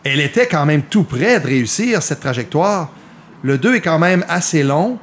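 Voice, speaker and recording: A man's voice: fairly high pitch, lively intonation, moderate pace, a little hiss or hum. A man with a Quebec French accent giving live golf commentary on a mini-golf match, explaining the play to viewers.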